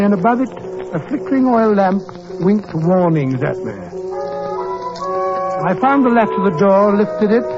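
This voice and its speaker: High-voiced genial English doctor, old radio. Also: male voice. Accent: British English. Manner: avuncular, atmospheric, dramatic storytelling. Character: Doctor Watson, genial older English doctor recounting old adventures. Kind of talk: 1940s radio drama narration. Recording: muffled 1940s radio recording with music behind.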